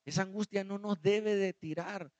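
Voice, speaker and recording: A man's voice: high-pitched, fairly even intonation, moderate pace, a little mellow, muffled recording. A man preaching a sermon as pastor. He calls out to the congregation and reads scripture with dramatic shifts in his voice. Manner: calls out to the congregation, asking them to follow along.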